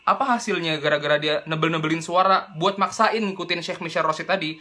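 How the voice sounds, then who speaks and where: A man's voice: a little high, fairly even intonation, quick pace, bright, forceful tone. A young man, teaching Quran recitation in a casual, slangy explainer style. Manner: chatty, slangy, demonstrates recitation and silly voices.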